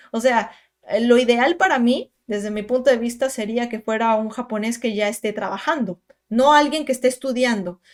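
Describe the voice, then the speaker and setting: A young woman, her voice sitting a little high. She talks straight to her viewers in a casual storytime monologue. She is emphatic and chatty, and keeps adding asides and little tag questions. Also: a little mellow. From Peru. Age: 20s. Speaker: content creator.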